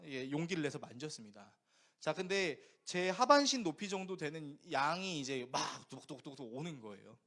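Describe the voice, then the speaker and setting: Male pastor, slightly high voice, very animated sermon delivery, storytelling with rhetorical questions.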